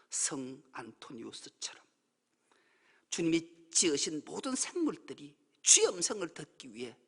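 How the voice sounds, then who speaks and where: A male pastor delivers a dramatic sermon, his gravelly, husky voice bright and edgy. He sinks into breathy near-whispers, then swells into loud exclamations. The recording carries the long reverb of a church hall. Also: on the high side. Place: church sanctuary.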